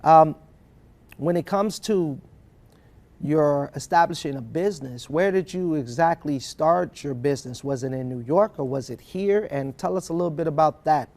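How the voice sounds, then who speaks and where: A man's voice: on the high side, normal speed, a little mellow. A man hosting an interview, affirming his guest and often repeating phrases. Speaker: host.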